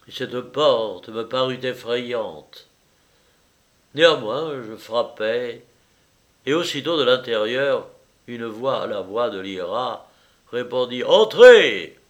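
A man narrating a novel in the first person, in a measured, expressive, confiding manner. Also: fairly low pitch. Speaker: audiobook narrator.

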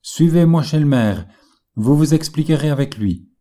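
A man's voice: fairly high pitch, lively intonation, moderate pace, mellow, close to an everyday voice. A man reading an audiobook, voicing a brusque, stubborn male country gendarme who barks short orders. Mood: stern. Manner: curt, peremptory orders.

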